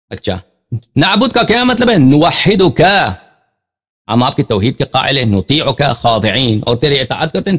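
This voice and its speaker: Animated man explaining Quran commentary. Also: medium pitch. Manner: reads Arabic passages slowly, then explains them in Urdu; repeats phrases for emphasis with rising questions. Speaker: religious scholar. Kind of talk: Quran commentary lecture on a live show.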